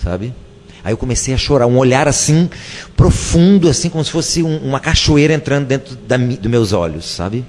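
A man telling a personal story in an emotional, halting way, often repeating himself. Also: mid-range voice, a little mellow, long reverb tail, slight background noise. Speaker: guest telling his story.

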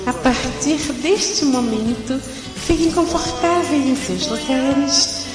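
A high-voiced woman gives a slow, formal passenger announcement over an aircraft intercom. Her voice rings out as if in a big hall, with music playing clearly behind it. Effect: flight attendant announcing over an aircraft intercom. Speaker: announcer in a radio show jingle.

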